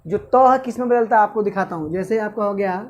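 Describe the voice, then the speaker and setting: A man's voice: sits high, quick pace, highs cut off. A male teacher giving an exam-prep grammar lesson, asking questions and answering them himself. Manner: asks and answers own questions, repeats "okay".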